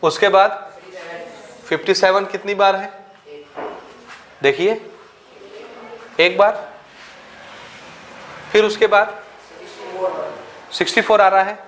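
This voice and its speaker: High-voiced man teaching a maths lesson. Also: steady tone, takes it slowly, long pauses, a bit bright, slight background noise. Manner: counts aloud and keeps checking if students follow. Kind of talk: classroom lecture.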